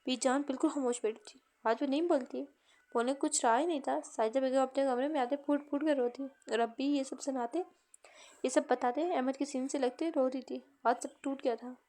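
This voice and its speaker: Casting: woman author-narrator, audiobook reading, high pitch, steady delivery. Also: brisk. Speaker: novelist and narrator. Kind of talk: scripted novel narration.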